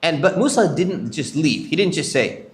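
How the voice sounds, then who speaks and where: A man's voice: a little high, lively intonation, moderate pace, reverberant. A sheikh telling prophet stories to a congregation, acting out the characters' lines as he goes. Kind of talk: storytelling lecture. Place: Islamic center hall.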